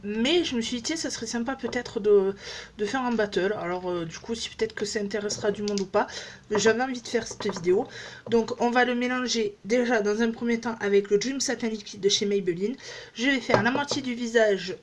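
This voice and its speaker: A woman's voice: fairly high pitch, brisk, slight background noise. Chatty rambling woman beauty vlogger. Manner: chatty, rambling, self-mocking with many fillers. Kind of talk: casual makeup demo chat. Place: at home.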